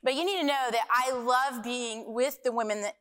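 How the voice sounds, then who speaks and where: A woman's voice: on the high side, moderate pace, fairly bright tone, smooth. A middle-aged woman with an Arkansas accent giving a chatty, folksy, informal talk to an audience at a conference. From Arkansas, United States. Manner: chatty, folksy, frequent rhetorical asides. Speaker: conference speaker. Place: conference hall. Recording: long hall reverb from live event.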